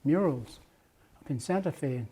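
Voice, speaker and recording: A man's voice: fairly high pitch, lively intonation, moderate pace, dark tone, slightly rough. An older man from Jamaica, a muralist, recalling his past at length in an oral history interview, with many restarts and fillers.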